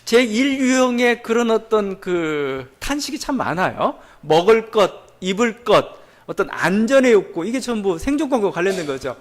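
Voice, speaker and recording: High-voiced Korean pastor preaching conversationally. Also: male voice. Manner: conversational, explanatory preaching with many fillers and quoted voices. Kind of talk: sermon.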